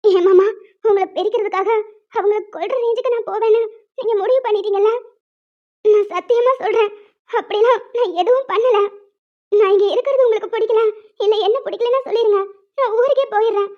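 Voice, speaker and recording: A woman doing a high tearful young village girl. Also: quick pace. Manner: pleading, tearful. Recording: muffled lo-fi sound.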